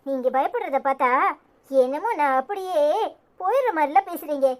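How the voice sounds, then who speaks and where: A woman voicing a defiant, sharp-tongued young wife in a cartoon, scolding with a Tirunelveli Tamil accent. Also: sits high, animated, moderate pace. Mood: dismissive. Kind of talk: cartoon voice acting.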